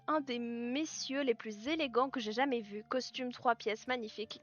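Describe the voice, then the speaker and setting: Bright, high-voiced chatty woman streamer. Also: dull audio. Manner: chatty storyteller, laughs often, answers chat; switches between French and halting English. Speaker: livestreamer and clothing maker. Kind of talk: casual chat with live viewers. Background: soft background music.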